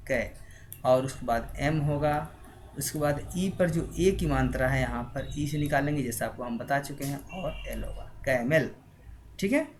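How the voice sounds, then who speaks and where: A man's voice: medium pitch, background noise. Hindi-speaking man spelling words aloud. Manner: asks frequent checking questions. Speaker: teacher. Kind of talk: spoken spelling lesson.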